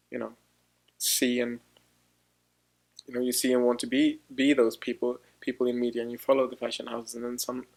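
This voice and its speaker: Man, 30s, designer interviewee in a studio; even, low-key delivery, hesitant and searching for words. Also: low-quality recording. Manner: halting, many restarts and "you know" fillers. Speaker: fashion designer. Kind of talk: documentary interview.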